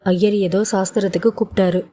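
A woman's voice: mid-range voice, flat delivery, a little fast, warm tone, close to an everyday voice. A woman voicing a worried middle-aged mother who fusses and scolds her grown son. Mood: scolding. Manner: scolding, emotional.

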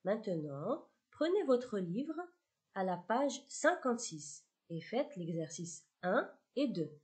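A woman teaching a primary school phonics lesson, speaking slowly, clearly articulating each word twice and praising the children often. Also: medium pitch, very animated, a little mellow. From Morocco.

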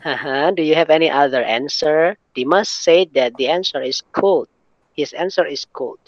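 A man's voice: a little high, measured pace, no echo. A male English teacher leading an online class, mixing English into his explanations and encouraging students. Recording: dull lo-fi online call audio.

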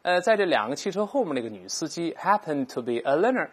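In a recorded vocabulary lesson, an English teacher with a husky, lively, medium-pitched voice explains things patiently. She repeats English words aloud slowly so learners can follow.

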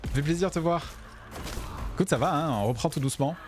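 A man's voice: fairly high pitch, quick pace, soft background music. A tired man streaming a game from home, chatting with his viewers and tripping over his words. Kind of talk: casual gameplay commentary.

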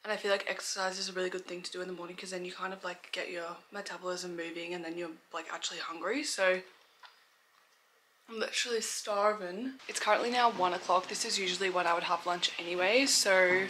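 A chatty Australian vlogger talks in her home kitchen with a fairly low, sharp voice, fairly quick and evenly intoned. She fills her casual chat with "like" and other fillers. Sound comes from a close camera mic, with echo and clear background noise.

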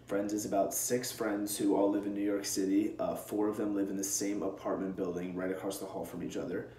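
A young man talks earnestly through a class presentation, stopping often on ums. His voice sits very low. The small room gives it a roomy ring, with a faint hiss underneath. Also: little pitch movement, fairly quick, mellow. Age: young adult. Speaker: student presenter. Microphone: camera close in front.

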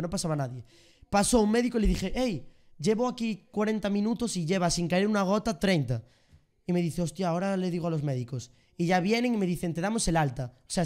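High-voiced young Spanish man telling a story. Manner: animated, sound effects and slang. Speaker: streamer. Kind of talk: casual storytelling vlog.

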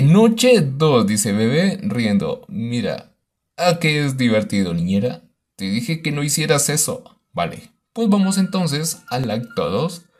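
A man's voice: medium pitch, darkish tone. A man doing let's play commentary of a horror game, exclaiming and talking to the baby on screen. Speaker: gaming YouTuber.

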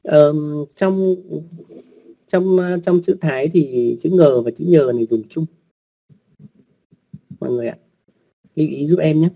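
Guy teaching an online class, dark gravelly voice, a bit husky, patient, repeats himself lots. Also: fairly high pitch, measured pace, long pauses. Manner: patient, repeats words, polite particles, many fillers. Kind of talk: explaining writing rules to online learners.

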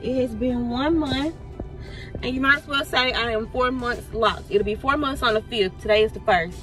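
A woman's voice: on the high side, moderate pace, rough recording. A young adult woman with a Southern American accent chats casually and animatedly to her viewers, recorded on a phone inside a car. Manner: chatty, animated, addresses viewers directly. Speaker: vlogger. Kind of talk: casual vlog chat. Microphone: phone at arm's length. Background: music.

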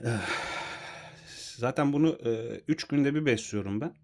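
A young man filming a casual home vlog, scolding and coaxing his pet snake with slangy teasing, sometimes dropping to a soft whisper. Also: mid-range voice, a little slow. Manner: drops to a soft whisper at times. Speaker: vlogger feeding a pet snake. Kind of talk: casual hand-held vlog. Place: at home, indoors.

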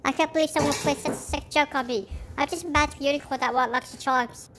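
A woman voicing an excitable magic unicorn girl who talks in wildly swinging, squealing outbursts. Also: sits high, fast talker, noisy background. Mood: upset.

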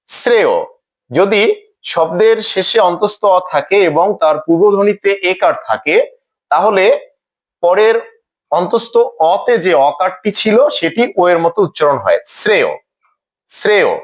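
A man teaching a scripted grammar lesson in a slow, deliberate way, saying each example word twice. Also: high-pitched.

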